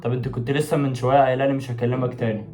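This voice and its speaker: A young man with an Egyptian Arabic accent hosts a casual prank vlog at home, teasing his sister with mock anger that keeps tipping into laughter. His medium-pitched voice moves very fast and stays animated, with soft music playing in the background.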